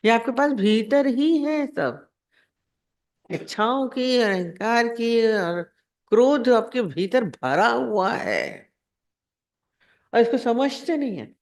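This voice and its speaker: A woman's voice: fairly high pitch, expressive, takes it slowly, pauses often, darkish tone. Woman spiritual teacher, plain conversational discourse, leans on homely examples and rhetorical questions.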